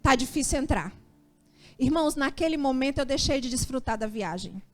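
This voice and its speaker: A woman's voice: high voice, brisk. A woman pastor with a Brazilian Portuguese accent preaching a sermon, telling a personal story and acting out her own anxious prayers. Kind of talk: sermon testimony.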